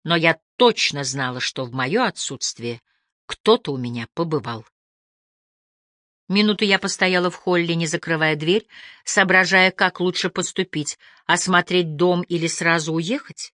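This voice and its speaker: A woman narrating a first-person story as an audiobook reader, with an expressive delivery that moves between hushed and lifted tones. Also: fairly low pitch, measured pace, no echo, clean studio sound.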